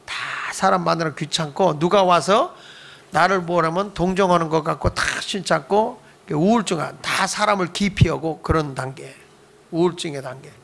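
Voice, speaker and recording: A middle-aged man preaches from a church pulpit in a high voice with a gravelly edge. He is playful with the congregation and breaks into voices as he tells his stories. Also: moderate pace. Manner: acts out quoted voices with sudden jumps in pitch and loudness; humorous, calls for amens from the congregation. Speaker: pastor. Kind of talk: Friday night sermon. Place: church sanctuary.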